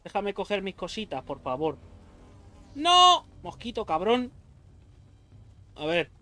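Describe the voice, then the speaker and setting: This gaming YouTuber's high, bright voice swoops wildly in pitch and sounds forceful, though he speaks slowly, recorded with no echo and faint game music behind. Fighting a boss, he's frantic, cursing, yelping, and muttering to himself.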